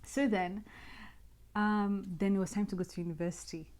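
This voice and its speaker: A woman hosting her own podcast, telling personal stories in a lively, nostalgic way with many restarts. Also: medium pitch, normal speed. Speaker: podcast host. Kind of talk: personal storytelling monologue.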